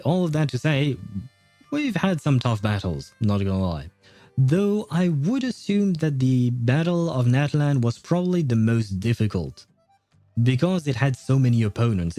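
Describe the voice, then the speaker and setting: In a dry recording, a gaming streamer with a mid-range, dark voice chats casually while playing a story game. His live commentary is rambling and jokey, and he keeps laughing at himself.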